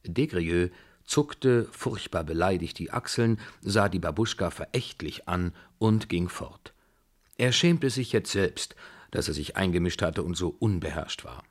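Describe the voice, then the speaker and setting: A man narrating a novel for radio in a steady, calm storytelling manner. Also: deep voice, measured pace, husky.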